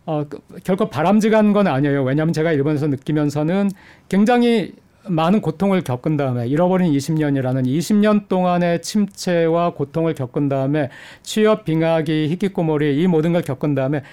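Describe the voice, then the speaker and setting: A middle-aged man, an economics professor, gives measured interview answers with frequent hesitation fillers. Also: fairly high pitch, lively intonation, dark tone, smooth. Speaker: economics professor, studio guest.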